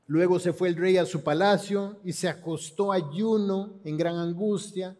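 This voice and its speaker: A man's voice: high-pitched, steady tone, unhurried, dark tone. A man with a Panamanian accent preaching a sermon, retelling scripture dramatically and asking the congregation rhetorical questions. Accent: Panamanian Spanish.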